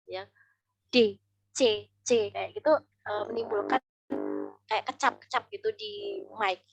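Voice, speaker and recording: A woman's voice: on the high side, dry recording. A woman speaker in a webinar, explaining public speaking and voice-over tips with demonstrations. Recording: dull online call audio.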